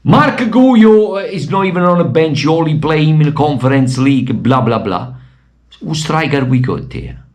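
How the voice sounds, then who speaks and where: An Italian football fan vlogger with an Italian accent delivers emotional, impassioned commentary, breaking into shouted appeals as his voice wears thin and he loses it. His voice is on the high side, expressive, at a moderate pace.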